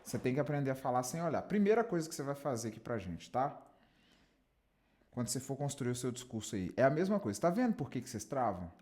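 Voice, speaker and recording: Guy coaching cold calls, super expressive voice, really goes up and down, direct. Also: mid-range voice, fast talker. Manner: animated, direct, demonstrates with lively intonation. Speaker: sales mentor.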